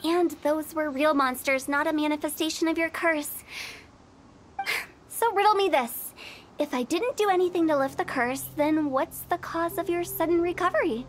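A woman's voice: high-pitched, normal speed, a little hiss or hum, lightly acted. A woman voicing a playful, eccentric young funeral director in a game, teasing theatrically as she reveals a prank. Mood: teasing, gleeful. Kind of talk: animated game character acting. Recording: music behind the voice. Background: music.

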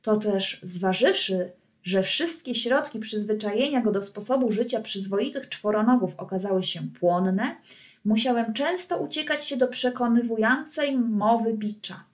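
A woman's voice: on the high side, lightly acted. A woman doing a pompous circus director. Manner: pompous, declamatory, slow and grandiose. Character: pompous male circus director, grandiloquent showman.

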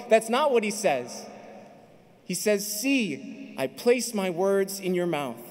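A man in his thirties gives a fervent sermon from a pulpit microphone, his voice high for a man. He builds phrase by phrase to emphatic peaks. The sound carries a long, spacious arena reverb. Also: darkish tone. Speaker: priest. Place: large indoor arena. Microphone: stand mic at pulpit.

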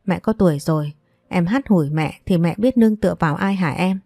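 A woman's voice: on the low side, fairly quick, gravelly, mellow, no room sound. A woman reading a stern scolding husband. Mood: reproachful. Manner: curt, reproachful.

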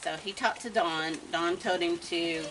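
A woman in her fifties hosts a wildlife feeding livestream, chatting casually while feeding raccoons on an outdoor wooden deck at night. Her lowish voice tells a story slowly and haltingly with many ums and pauses, breaking off to coo softly and greet the animals. A fixed camera a few meters away captures her distantly, with clear background noise outdoors.

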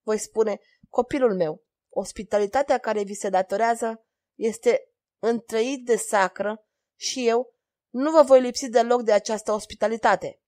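A woman reading the part of a young knight who is calm and loyal and speaks in a grave, measured tone. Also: a little high, natural voice.

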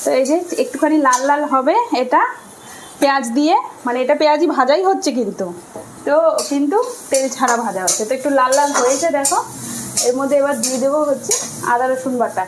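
Narrating casually as she cooks at home, a woman with a high voice and quick pace chats with her viewers. She's a cooking vlogger, and the poor-quality audio has some hiss or hum plus kitchen clatter in the background.

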